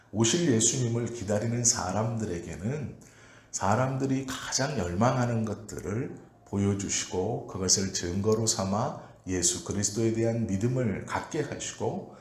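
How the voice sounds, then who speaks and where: Low-voiced pastor in an echoey church. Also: male voice. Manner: calm, measured preaching with frequent "uh" pauses. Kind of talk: early-morning prayer sermon. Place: church sanctuary. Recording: echoey church room with faint ambient noise.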